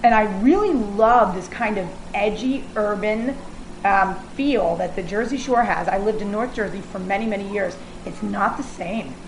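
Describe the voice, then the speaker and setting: A woman's voice: mid-range voice, normal speed. Effusive American woman in an echoey room. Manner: effusive, emphatic, joking. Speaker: culinary consultant and caterer being interviewed. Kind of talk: promotional, chatty interview talk. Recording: echoey room with ambient noise.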